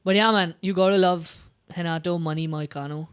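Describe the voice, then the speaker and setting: A man hosting a casual sports podcast, talking excitedly and swearing freely as he recaps a fight. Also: fairly high pitch, fairly quick, smooth. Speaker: podcast host.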